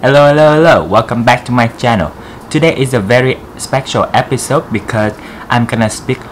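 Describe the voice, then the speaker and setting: A man's voice: mid-range voice, moderate pace, slight background noise. A man from Vietnam with a thick Vietnamese accent, speaking earnestly to camera in simple, broken English to encourage others. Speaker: vlogger. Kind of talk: encouraging vlog talk to camera.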